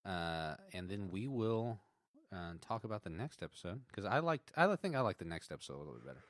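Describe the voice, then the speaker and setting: A man's voice: low voice, sing-song, brisk, no room sound, clean studio sound. A man co-hosting a podcast, chatting casually about an episode, laughing often and stumbling over restarts as he reads trivia aloud. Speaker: podcast co-host.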